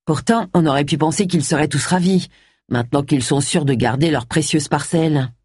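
A woman narrating an audiobook novel with expressive reading, giving every character a voice. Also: deep voice, normal speed, breathy edge, dry recording, clean studio sound. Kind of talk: scripted narration.

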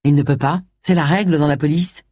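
A woman voicing a brisk, matter-of-fact middle-aged woman detective in an audiobook. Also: low-pitched, steady tone, warm tone, no room sound.

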